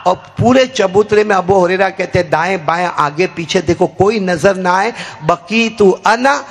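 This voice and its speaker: A male preacher, telling a story in an animated, dramatic sermon style with shouted peaks. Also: sits high.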